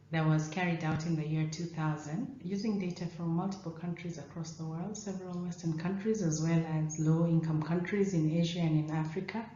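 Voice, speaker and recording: A woman from Kenya whose first language is not English, a professor of ophthalmology giving a measured, clear conference presentation. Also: on the low side, mellow, echoey room, highs cut off, slight background noise.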